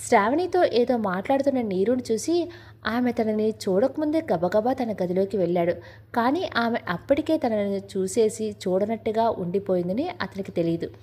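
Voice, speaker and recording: A woman storyteller reading a scripted romantic story aloud in a steady, even way. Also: mid-range voice, husky.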